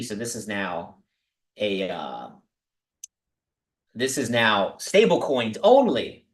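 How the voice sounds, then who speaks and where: A man hosting a livestream, talking casually and excitably to his viewers with lots of asides. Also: mid-range voice, reverberant, poor audio. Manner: excitable, talks to viewers directly with many asides. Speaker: crypto livestream host. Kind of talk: casual livestream talk about investing.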